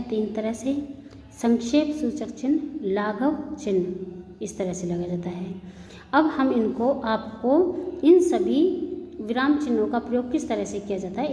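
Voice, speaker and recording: A woman teaching a Hindi grammar lesson to students, explaining step by step and reading examples slowly. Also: a little high, mellow. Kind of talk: classroom lesson. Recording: muffled echoey room with long reverb, faint hiss.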